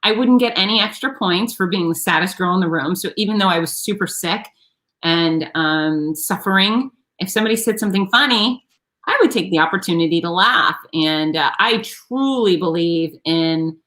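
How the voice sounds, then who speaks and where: A woman's voice: on the low side, normal speed, fairly bright tone, rough recording. A woman being interviewed as an author, telling her story frankly and expressively, often restarting her sentences.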